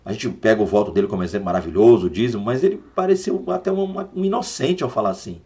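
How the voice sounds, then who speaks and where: A man's voice: on the low side, expressive, racing, dark tone. A Brazilian man teaching a Sunday school Bible lesson, explaining words patiently and repeating them to drill their pronunciation. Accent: Brazilian Portuguese.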